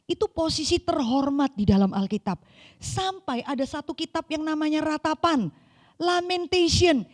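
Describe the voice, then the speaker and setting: A woman vicar giving a seminar sermon, reading a passage and then telling stories in an expressive voice, now and then dropping in English words. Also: high voice. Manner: mixes English words into talk, addresses listeners as saudara; expressive, shifts between reading aloud and lively telling. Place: church seminar hall.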